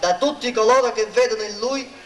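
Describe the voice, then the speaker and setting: Man, declamatory political rally oratory, high voice, distant echoing microphone. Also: fairly quick. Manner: oratorical, declamatory public-square delivery. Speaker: local party politician introducing a candidate. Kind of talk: formal political rally speech. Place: outdoor town square rally. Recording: roomy, distant mic, faint noise.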